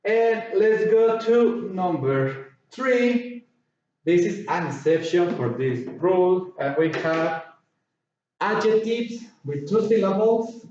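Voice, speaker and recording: A man teaching an English grammar lesson, slowly repeating words and spelling letters out. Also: high-pitched, animated, a little mellow, slight background noise. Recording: echoey, distant, dull room sound.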